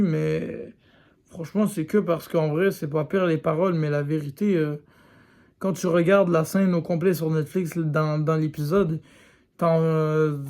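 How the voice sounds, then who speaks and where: Chatty man, slightly high voice. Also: darkish tone. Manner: frank, addresses viewers directly as "les gars", lots of fillers. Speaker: YouTuber reviewing a series. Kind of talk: casual video review.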